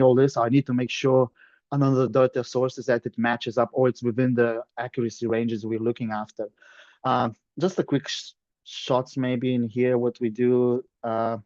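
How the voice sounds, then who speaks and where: In a casual webinar, a Lithuanian-accented surveyor presenting as a guest recounts his story plainly and chattily. The video-call audio is dull and lo-fi with no echo, and his medium-pitched voice is slightly mellow.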